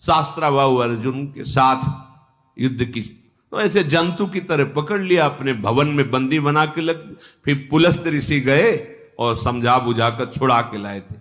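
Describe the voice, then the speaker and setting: A man's voice: mid-range voice, measured pace, fairly bright tone. A male spiritual preacher giving a devotional storytelling discourse, reciting verses and then explaining them.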